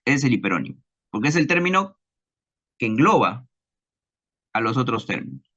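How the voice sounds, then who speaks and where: A man with a Peruvian Spanish accent teaching a recorded class lecture, slow and deliberate, repeating examples and checking understanding with tag questions. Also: mid-range voice, very animated, a bit bright, muffled recording.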